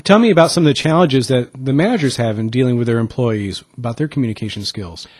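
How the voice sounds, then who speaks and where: Male interviewer, fast-talking, dry close sound, direct questions. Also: medium pitch, lively intonation, a little mellow, slightly rough, no room sound.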